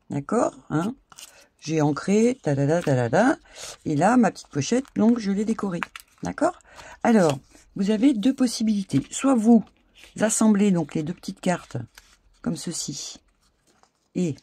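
Slow, gravelly-voiced woman crafting. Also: on the low side, mellow. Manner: chatty, talks while working, many fillers. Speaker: crafting video host. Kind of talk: casual crafting tutorial.

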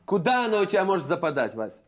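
A cynical pop producer talks down to his star with sarcastic scorn. His voice sits high for a man and swings up and down all the time. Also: very animated, very fast. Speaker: music producer. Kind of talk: comedy sketch acting.

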